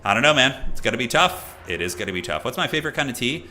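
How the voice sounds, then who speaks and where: A man's voice: medium pitch, expressive, racing, bright, forceful tone, slight background noise. A man, chatting loosely with his live-stream audience and commentating a strategy game match, with lots of fillers and restarts. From United States. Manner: loose and chatty, many fillers and restarts, reads chat aloud. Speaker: streamer and caster.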